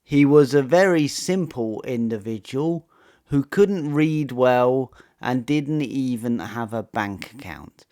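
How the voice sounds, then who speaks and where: Male narrator, mid-pitched, crisp and unhurried; measured scripted storytelling. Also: a little mellow. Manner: slow, measured, matter-of-fact storytelling.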